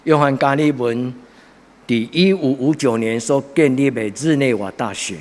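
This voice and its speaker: A man's voice: medium pitch, moderate pace. A man from Taiwan preaching a church sermon with a Taiwanese Hokkien accent, earnest and exhorting in his delivery. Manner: earnest, exhorting, swelling into loud emphatic passages. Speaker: pastor preaching a Sunday sermon. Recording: echoey hall with long reverb.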